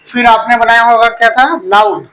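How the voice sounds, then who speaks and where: A man teaching an English grammar lesson, dictating slowly and checking in with his students. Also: very high-pitched, fairly even intonation, pushed and bright, low-quality recording.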